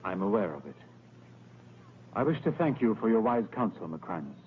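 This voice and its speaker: An actor playing an earnest, stubborn young Roman patrician, speaking formally in a dubbed historical film. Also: male voice, fairly low pitch, very animated, moderate pace. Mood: earnest pleading. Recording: tinny narrow-band old film soundtrack, noisy.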